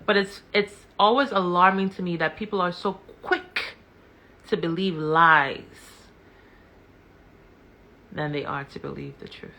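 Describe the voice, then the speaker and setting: A woman speaking to her live-stream viewers with passion, hammering her points home by repeating words and questions. Her voice sits a little low but comes across bright and forceful. She talks straight to her audience as a commentator. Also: steady tone, unhurried, long pauses.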